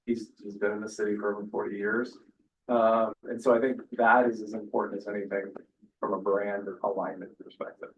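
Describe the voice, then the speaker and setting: A man's voice: on the low side, flat delivery, a little fast, far from the mic, dull audio, slight background noise. A man representing a restaurant operator, explaining his position at a community board meeting and often correcting himself. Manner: explanatory, self-correcting, fond of "I think". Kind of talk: public meeting testimony.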